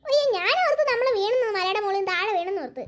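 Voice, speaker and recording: A woman voicing a young, easily frightened villager in a cartoon, full of quick exclamations. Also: very high voice, expressive. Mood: nervous. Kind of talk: cartoon voice acting.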